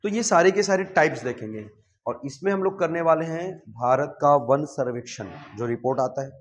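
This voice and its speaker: A man's voice: a little high, lively intonation, moderate pace. A man giving a chatty, joking classroom lecture and often checking with his students. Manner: chatty, jokey, asks students questions. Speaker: exam coaching teacher.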